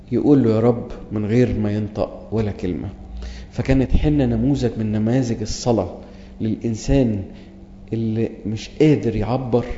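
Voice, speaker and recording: An earnest Egyptian preacher delivers a sermon in a deep, mellow voice, reading scripture and then explaining it in everyday speech. He repeats his main lines slowly for weight. The sound is dull and muffled, with a long echo from a large hall. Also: slight background noise. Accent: Egyptian Arabic. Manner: earnest, reads scripture aloud and restates it plainly; repeats key phrases slowly for emphasis.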